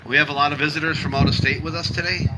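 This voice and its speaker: Wisecracking emcee from Michigan. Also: male voice, a little high, fairly even intonation, rapid-fire. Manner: wisecracking, self-deprecating, teasing the audience. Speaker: timber show emcee. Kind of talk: joking crowd banter over a PA. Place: outdoor festival stage. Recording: outdoor crowd noise.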